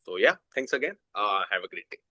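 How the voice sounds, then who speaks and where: Man, low pitch, bright tone, dry sound, polite webinar moderator, video call. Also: big pitch swings, quick pace, no room sound, low-quality recording. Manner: polite, thankful, light fillers. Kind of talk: polite closing remarks.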